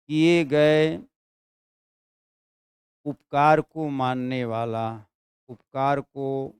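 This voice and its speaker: In an online Hindi exam-prep session, a man teaches by slow dictation, drawing out and repeating words and checking on students. His mid-range voice is clear, resonant, and a little mellow, with no echo.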